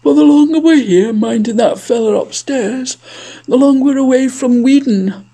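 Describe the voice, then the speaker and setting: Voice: sits high, normal speed, dark tone, pitched above the performer's own voice. A narrator voicing a cruel male guard in a storybook reading, in a raised, jeering voice. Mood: complaining. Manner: jeering, mocking.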